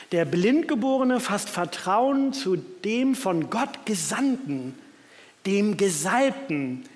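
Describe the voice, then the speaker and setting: A man preaching a sermon in a church, thoughtful in tone, reading scripture aloud along the way. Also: high-pitched. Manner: reflective, reads scripture aloud. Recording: long church reverb.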